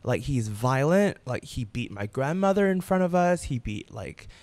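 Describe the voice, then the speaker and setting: A young man in his late twenties, a podcast guest, tells a personal story candidly, often restarting his sentences. His voice sits a little high with a gravelly edge. The sound is dry and close. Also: sing-song, moderate pace, a little mellow, no room sound. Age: 20s. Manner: candid, repeats words and restarts when moved.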